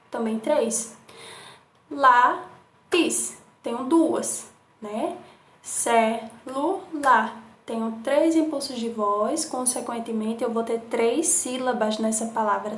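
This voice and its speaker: Young woman teacher, fairly high voice, slow clear syllables, echoey room. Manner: slow syllable-by-syllable enunciation with frequent "tá certo?" checks. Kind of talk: remote class lesson.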